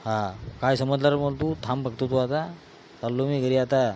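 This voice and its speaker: A man with a Varhadi Marathi accent playing a drunk, quarrelsome son who loudly demands his share of the family land in a village comedy skit. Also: mid-range voice, steady tone, moderate pace, slight background noise, natural voice. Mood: belligerent. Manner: aggressive, shouting threats.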